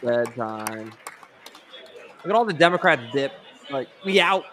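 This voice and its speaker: A man's voice: mid-range voice, expressive, unhurried, a bit bright, a faint crowd, slight background noise. A man giving casual livestream commentary, talking to his viewers in slangy, informal language. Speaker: livestream host and day trader.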